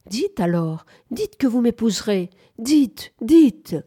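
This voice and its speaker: A woman reading the part of a young farmhand who presses his proposal in a tender, quick, insistent way. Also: mid-range voice, lively intonation, warm tone, pitched above the performer's own voice. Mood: pleading. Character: young farmhand man, softly insistent suitor.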